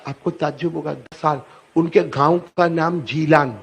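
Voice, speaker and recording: A man's voice: fairly high pitch, fairly even intonation, gravelly, slight background noise. A man preacher telling a story in a sermon, speaking with emphasis and calling on the audience to repeat his words. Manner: emphatic, calls on the audience to repeat after him. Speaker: Islamic preacher.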